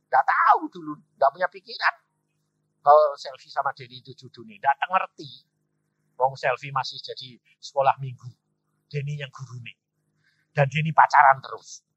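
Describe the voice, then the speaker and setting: A man's voice: moderate pace, slightly rough, no echo. A middle-aged man preaching a storytelling sermon, acting out quoted dialogue and often addressing the congregation directly. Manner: animated, acts out quoted dialogue with sudden loud high bursts; addresses the congregation repeatedly as "saudara". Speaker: evangelist preacher. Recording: dull, dry sound.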